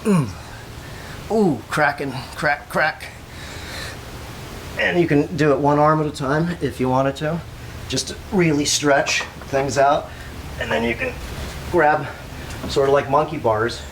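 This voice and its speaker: A workout host with a slightly high voice at normal speed gives a casual, rambling exercise demonstration, instructing as he goes and repeating himself. Noticeable ambient noise fills the background.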